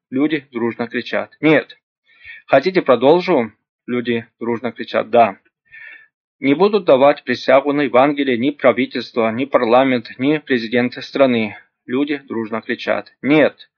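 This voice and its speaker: A man's voice: mid-range voice, highs cut off. A man delivering an earnest sermon, addressing his congregation as brothers and sisters. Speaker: preacher.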